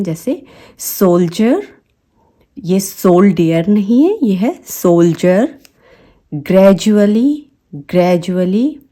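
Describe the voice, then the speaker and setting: A woman with a Hindi accent, teaching English phonics. She says each example word slowly and repeats it several times. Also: fairly low pitch, mellow. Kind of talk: slow, deliberate teaching with repeated example words.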